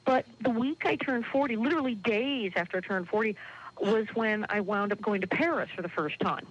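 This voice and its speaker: A woman in her fifties, a guest on a radio show, telling stories in a chatty, animated way over a phone line. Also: medium pitch, a little fast. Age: 50s. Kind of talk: casual radio interview.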